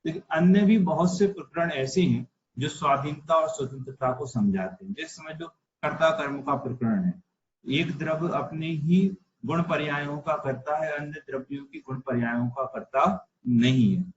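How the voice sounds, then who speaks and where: A man's voice: fairly high pitch, normal speed, roomy sound, highs cut off, slight background noise. A man teaching an online religious philosophy class, explaining patiently and asking rhetorical questions. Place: online video call class.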